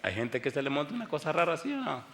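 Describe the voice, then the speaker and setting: A male pastor preaching a sermon, firing rhetorical questions at his congregation and swinging between booming emphasis and hushed storytelling. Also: big pitch swings, fast, a little hiss or hum. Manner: rhetorical call-and-response questions. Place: church sanctuary during a televised service. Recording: long hall reverb.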